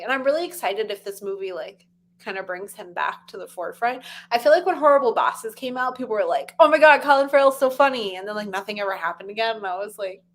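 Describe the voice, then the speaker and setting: A young woman co-hosting a podcast, chatting excitedly and packing her talk with "like". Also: mid-range voice. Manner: excited, fast chatter full of "like". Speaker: podcast co-host. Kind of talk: casual chat.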